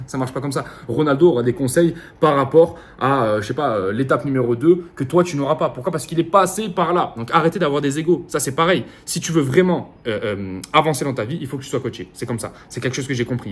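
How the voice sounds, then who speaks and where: Guy doing a rapid-fire hype monologue, slangy, swears, keeps repeating himself, coach vibe. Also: fairly high pitch. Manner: fast, insistent, repetitive, slangy and profane. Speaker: online business coach. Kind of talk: motivational monologue to camera.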